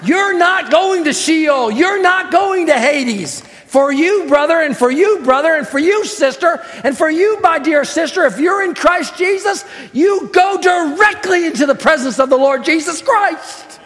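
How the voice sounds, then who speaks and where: A fervent sermon rings through a church sanctuary from a pastor whose voice is strikingly high-pitched. His teaching runs calm and fast until he slows down to shout the important lines, with long reverb trailing from the hall.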